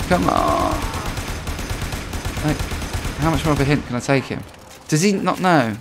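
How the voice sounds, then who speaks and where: A man's voice: fairly high pitch, background noise. A man streaming a game, chatting casually and reacting aloud to his teammates. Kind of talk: casual gameplay commentary.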